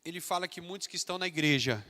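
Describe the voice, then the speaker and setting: A São Paulo Brazilian preacher with a high, very bright voice delivers an animated, emphatic sermon. He swings between loud bursts and quieter asides. The sound carries a long church-hall reverb. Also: rapid-fire. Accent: Brazilian Portuguese, São Paulo. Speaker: pastor.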